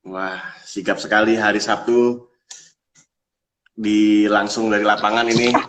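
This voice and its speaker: A man's voice: on the low side, level tone, a little slow, a bit bright, a little hiss or hum, low-quality recording. A man hosting a casual, chatty interview. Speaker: interviewer, host.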